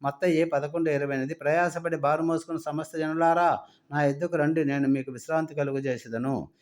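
A man preaching a sermon, earnestly reciting scripture references in quick runs. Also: fairly high pitch, fairly even intonation.

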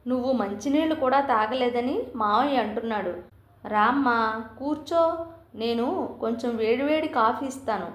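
A woman reading the lines of a young daughter who gently soothes her mother in a story. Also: fairly high pitch, normal speed, natural voice. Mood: soft coaxing. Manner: gentle, coaxing. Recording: roomy echo.

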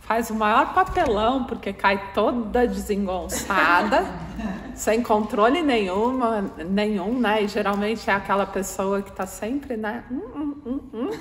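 A woman's voice: mid-range voice, unhurried. A woman with a Brazilian Portuguese accent giving an informal spiritual talk, chatting with a live audience and keeping on asking them for replies. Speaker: speaker addressing an audience. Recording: echoey hall with faint noise.

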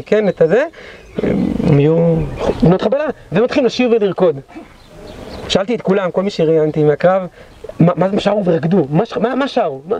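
A man leading a guided history tour, telling battle stories dramatically and acting out the shouts of those involved. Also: high voice. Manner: dramatic storyteller, acts out quoted shouts. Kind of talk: guided tour storytelling lecture. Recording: dull lo-fi recording.

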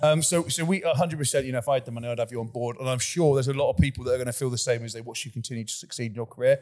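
A man's voice: mid-range voice, steady tone, rapid-fire, a little mellow. A man hosting a casual podcast, rambling and repeating words as he starts sentences, often laughing between lines. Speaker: podcast host.

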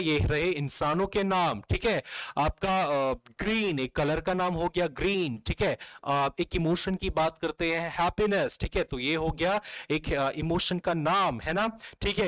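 A man's voice: fairly high pitch, no room sound, poor audio. A man teaching an exam-prep grammar lesson, mixing Hindi with phrases, checking in often with his students. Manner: questioning and animated, checks in constantly; mixes Hindi with English phrases.

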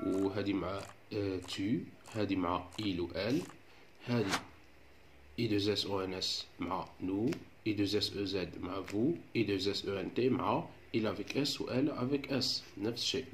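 A man's voice: on the low side, a little hiss or hum. A man with an Algerian Arabic accent, teaching a French grammar lesson step by step in a patient way. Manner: patient, step-by-step explaining, often checks with "d'accord".

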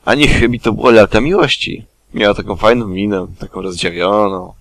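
A man's voice: on the low side, moderate pace, fairly bright tone. A man voicing a gloomy, cynical donkey with a sardonic, indifferent tone.

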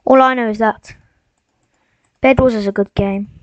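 A woman's voice: fairly high pitch, steady tone, normal speed. A young woman streaming a game, rambling and mock-heroic as she talks to herself and her viewers. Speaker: gaming streamer. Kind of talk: casual live-stream commentary. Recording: dull lo-fi sound.

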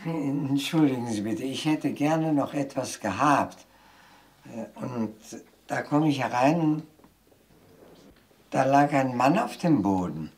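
A man's voice: medium pitch, expressive, takes it slowly. An actor playing a drunk, half-blind older father who slurs, hesitates and repeats himself, in a 1970s TV crime drama. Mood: confused, muddled. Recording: distant mic, faint hiss.

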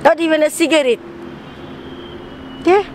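A woman's voice: sits high, a little slow, background noise. A woman in her thirties with a Cape Town South African accent, giving a blunt, indignant street interview outside by a stadium. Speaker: interviewee, local resident.

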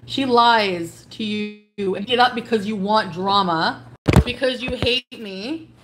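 A woman's voice: medium pitch, slow, very noisy. A woman livestreamer in an angry, profane rant, hurling insults at her chat while blocking people.

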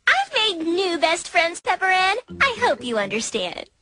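A spunky preteen cartoon girl with a very high voice that leaps around the scale. She is loud and exclamatory and stretches her words out slowly. Music plays under her. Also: wildly swooping pitch, heavily acted. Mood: pleading. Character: spunky, excitable twelve-year-old cartoon girl. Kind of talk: cartoon voice acting.

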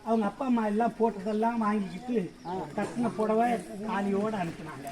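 With a crowd clearly behind him, a man declaims a story to the audience. He performs street theatre and has a Tamil Nadu accent. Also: high-pitched, a little fast. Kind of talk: declaimed storytelling and closing address.

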